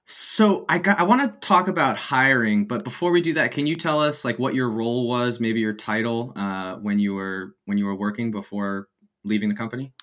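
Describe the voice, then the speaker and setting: A man's voice: medium pitch, normal speed, fairly bright tone. A man hosting a startup podcast, who asks his questions in a casual way. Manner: friendly, informal questions. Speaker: podcast host. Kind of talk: podcast interview.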